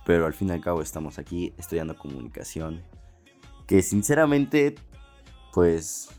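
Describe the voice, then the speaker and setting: A man's voice: low-pitched, very animated, moderate pace, a little mellow, soft background music. A young man with a Mexican accent telling a funny story in casual, slangy talk, swearing and laughing often. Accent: Mexican Spanish. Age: young adult. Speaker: podcast host.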